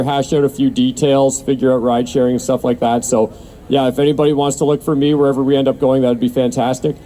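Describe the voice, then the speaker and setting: A man with a fairly high, warm voice hosts an open mic, making rambling, informal announcements to the gathering and expressing appreciation.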